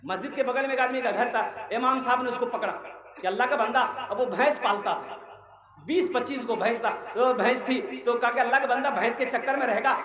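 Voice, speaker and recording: A man's voice: very high-pitched, quick pace, a bit bright. Man, preacher, Kolkata Urdu-Hindi accent, comic storytelling sermon, roomy echoing hall. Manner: storytelling with funny character voices, audience laughing. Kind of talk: humorous Islamic sermon with sung refrains. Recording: echoey hall with long reverb.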